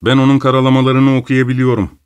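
A man's voice: mid-range voice, level tone, quick pace, smooth, close to an everyday voice. A man voicing a carefree, eager male office colleague who talks cheerfully and offhandedly. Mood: breezy eager.

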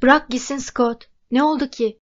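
A woman voicing a calm older brother in his early teens, coaxing and steady, on a dull lo-fi recording. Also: high voice, normal speed, lightly acted.

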